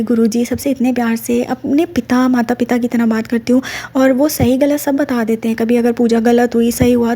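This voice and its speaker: A middle-aged woman talks through a devotional testimony in a mellow, somewhat high voice. She tells her story earnestly and often turns to address her listeners directly. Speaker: devotee sharing a personal experience.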